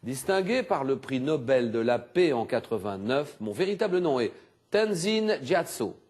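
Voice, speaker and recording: A man hosting a TV quiz show, animated and exclamatory, reading clues and teasing contestants in a studio. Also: mid-range voice, measured pace.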